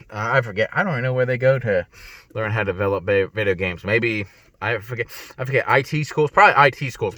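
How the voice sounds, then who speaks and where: A man's voice: fairly high pitch, bright, forceful tone, no echo. A man talking casually about stock picks from inside a car, rambling and restarting often while sounding congested. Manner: rambling, frequent restarts and "but anyway". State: congested, clearing throat. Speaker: stock-picking video host. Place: in a car on a windy day.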